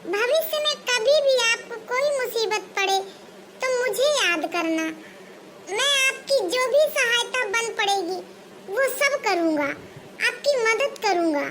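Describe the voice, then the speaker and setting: A woman's voice: very high voice, animated, unhurried, fairly bright tone, a little hiss or hum, heavily acted. A woman voicing a tiny, frightened young male mouse who begs and whimpers in a storybook tale. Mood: earnest. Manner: whimpering, begging, tearful.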